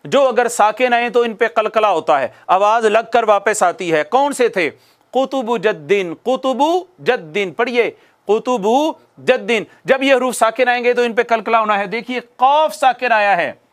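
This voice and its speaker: A man teaching Quran recitation, explaining rules, quizzing his students and slowly chanting the examples. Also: very high-pitched, a bit bright. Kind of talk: recorded tajweed lesson.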